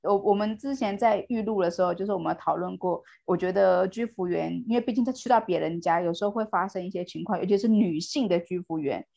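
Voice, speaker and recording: A woman podcast host with a Taiwanese Mandarin accent, chatting casually and reacting quickly to her guest. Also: lowish voice, creaky, mellow, highs cut off. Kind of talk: casual interview chat.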